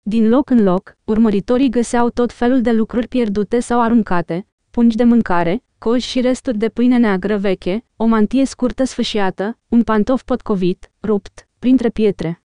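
A woman narrates an audiobook in a measured, even reading. Her voice is smooth and mellow and sits fairly high. The recording is close and dry, with no room sound. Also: dry recording. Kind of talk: scripted narration.

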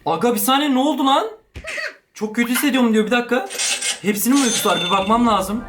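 A young man giving casual, slangy gameplay commentary, excitable and chatting to the characters on screen. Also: extremely high pitch, fast, slight background noise. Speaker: gaming YouTuber.

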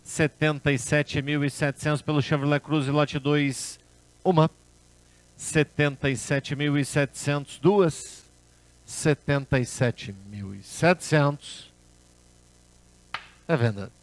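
A man's voice: a little high, fairly even intonation, a little slow, no echo, low-quality recording. A man working as an auctioneer, calling bids at a car auction in a repetitive chant.

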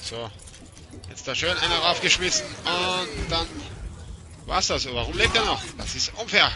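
A young man giving excited commentary while he plays a game, shouting and jumpy, swinging between panic and boasting. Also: a little high, a little slow, background noise. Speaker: Let's Play gamer.

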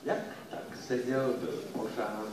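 A man reading a children's book aloud with a lively, expressive delivery. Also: medium pitch. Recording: echoey room, distant mic, noisy.

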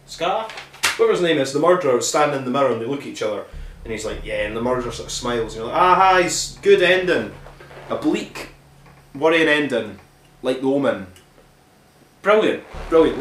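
Brief: male host, casual sweary film reviewer, echoey room, faint hiss. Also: mid-range voice. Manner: sweary, rambling, jokey. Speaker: podcast host reviewing films.

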